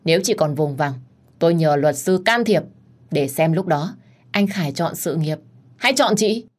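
Woman performing a jealous young mistress, shrill, higher than her own voice. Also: expressive, moderate pace, a little mellow. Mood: spiteful. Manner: shrill, whining.

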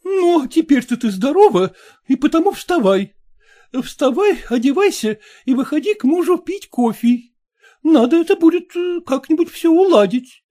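Brief: a man playing a fretful middle-aged mother who nags and scolds, lively and mellow, storybook reading. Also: extremely high pitch, moderate pace. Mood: nagging. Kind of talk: audiobook character voice.

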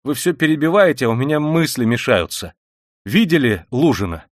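A man's voice: mid-range voice, sing-song, fairly quick, dry recording, clean studio sound, pitched above the performer's own voice, close to an everyday voice. A man reading an audiobook voices a feverish, exhausted young man who speaks in irritable, clipped demands.

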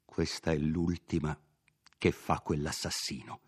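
A man's voice: very deep voice, little pitch movement, measured pace, breathy edge, exaggerated voice. A man reading a novel aloud, voicing a hot-headed young village man with an angry, bitter edge. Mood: furious.

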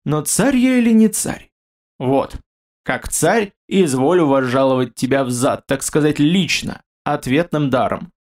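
A man's voice: on the high side, expressive, a little slow, darkish tone. Storybook king, blunt and ironic, talks plainly to commoners, as a narrator puts him on. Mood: jovial. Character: gruff young male king, boastful and blunt.

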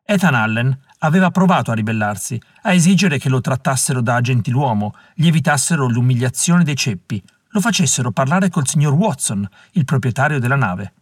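Man reading an audiobook, mid pitch, measured and calm, dry close sound. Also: breathy edge, dry recording. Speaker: audiobook reader. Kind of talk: scripted narration.

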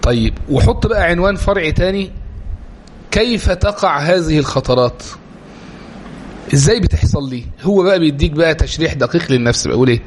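Fast-talking Egyptian religious lecturer. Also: male voice, fairly high pitch, slight background noise. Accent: Egyptian Arabic. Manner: animated, rhetorical questions, explanatory. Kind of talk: lecture to a live class.

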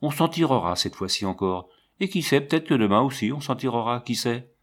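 A man's voice: mid-range voice, lively intonation, a little fast, fairly bright tone, natural voice. A man voicing an exhausted, mud-soaked soldier who speaks in a jerky, ragged, outraged way. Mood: weary hope. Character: muddy exhausted soldier, furious and bitter.

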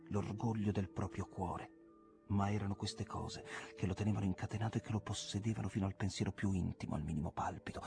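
A man reading a literary novel aloud as an audiobook narrator, measured and reflective. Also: low-pitched, gravelly, warm tone.

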